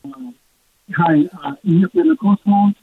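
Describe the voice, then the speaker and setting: A male caller talks in a hesitant, halting way, his voice fairly high for a man. The line is thin and phone-like, and the sound keeps glitching and breaking up into garble. The voice is dry, with no room echo. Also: sing-song, husky. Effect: garbled, glitching phone audio. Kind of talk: call-in radio question.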